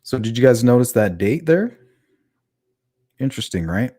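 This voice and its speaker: A man's voice: medium pitch, sing-song, normal speed, dark tone, no echo, clean studio sound. A man with a lisp hosting a casual livestream commentary, talking conversationally and putting questions to his audience. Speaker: livestream host. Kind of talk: casual true-crime livestream commentary, reading chat aloud.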